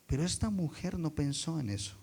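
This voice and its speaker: A man preaching a sermon, dropping quiet and then rising loud for emphasis, and putting rhetorical questions to the congregation. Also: on the high side, fairly quick, vocal fry, slightly rough. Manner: expressive, swings between soft and loud for emphasis.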